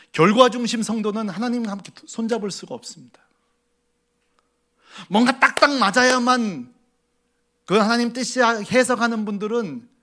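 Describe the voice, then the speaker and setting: A male pastor delivers a sermon with lively, animated pitch. His voice sits a bit higher than most men's. He swings from loud, pressing appeals down to hushed whispers.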